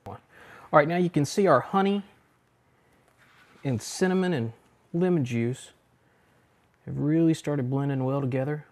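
A middle-aged man hosts a cooking show from his home kitchen, walking through a recipe step by step in a relaxed, instructional way. His voice sits on the high side, and he speaks at a measured pace with long pauses.

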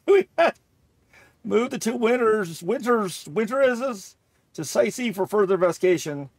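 This man's fairly high voice comes through with no echo as he offers laid-back Let's Play commentary on a horror game. He rambles and thinks aloud while playing, often saying the same things again.

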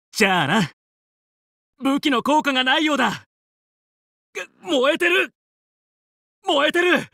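Fox McCloud, a bright-voiced heroic fox pilot. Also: male voice, very high voice, creaky, dry recording, studio quality, exaggerated voice. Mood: triumphant, then alarmed, straining. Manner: cool, resolute, clipped heroic delivery. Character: confident heroic young male fox space pilot, team leader. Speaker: video game voice actor. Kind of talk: Japanese video game battle voice lines.

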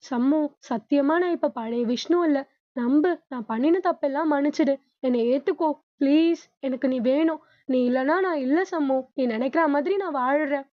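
A remorseful young man begs tearfully for forgiveness, as a woman reads him. The voice sits high and light. The recording is dry and a little muffled. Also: moderate pace, dry recording, natural voice. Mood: pleading. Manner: begging, tearful pleas. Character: young man, pleading remorseful captured lover.

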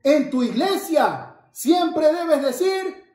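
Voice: high-pitched, big pitch swings, takes it slowly, mellow, full character voice. An adult playing Carlitos, a cheerful little boy who tells the children a Bible story in church, bubbly and exclaiming straight to his listeners. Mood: eager. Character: cheerful little boy named Carlitos, proud young scout. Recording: echoey church room.

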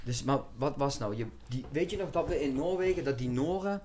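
A man's voice: medium pitch, brisk, slight background noise. A man in his thirties hosting a podcast, telling stories in a casual chat and laughing often. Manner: lively storyteller, laughs often. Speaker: podcast host.

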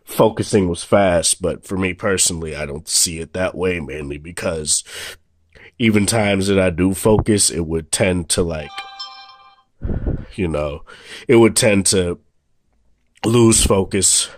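A young male tech vlogger speaks a little slowly and pauses often, his very low voice slightly sore after an illness. Seated indoors at a table off camera in a dry room with no room sound, he gives a casual hands-on phone review. He's relaxed and rambling, with plenty of fillers and restarts.

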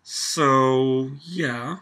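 Casting: sarcastic Canadian guy ranting to camera, bright forceful tone, slow deliberate delivery. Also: mid-range voice. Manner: sarcastic, animated, filler-heavy. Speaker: vlog host. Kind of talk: casual opinion rant.

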